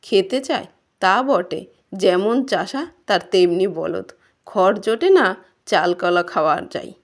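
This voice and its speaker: Woman reader doing a sneering older village priest, sharp-tongued and dismissive, storybook reading. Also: mid-range voice, takes it slowly. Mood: scornful.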